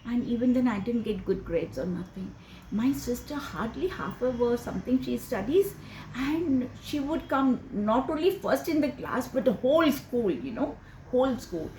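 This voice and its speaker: An older woman with an Indian accent who recites a poem and then tells a chatty, animated personal story, laughing often and filling pauses with "uh" and "you know.". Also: a little high, a little hiss or hum. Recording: echoey room with faint ambience.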